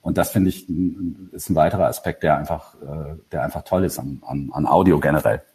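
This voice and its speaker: A man's voice: a bass voice, fairly even intonation, fairly quick, darkish tone, slightly rough. A man who produces radio ads, talking casually and at length in a podcast chat, with many fillers and restarts.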